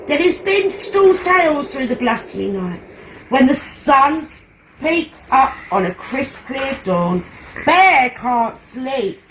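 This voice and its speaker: A woman's voice: high-pitched, very animated, slow. A woman reading a children's picture book aloud as a storytime host, playful and sing-song. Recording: echoey room, loud traffic noise.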